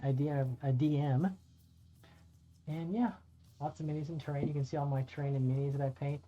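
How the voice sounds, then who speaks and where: Sitting in a room at home near a window, a middle-aged man paints miniatures live while rambling to viewers, with an occasional curse thrown in; he streams and works as a dungeon master. His warm voice sits on the high side. Faint music plays under dull, lo-fi audio.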